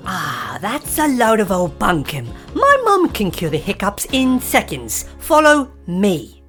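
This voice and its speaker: A woman's voice: medium pitch, huge pitch swings, unhurried, a bit bright, soft background music. A woman voicing a bossy, confident young girl in a children's story. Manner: bossy, dismissive.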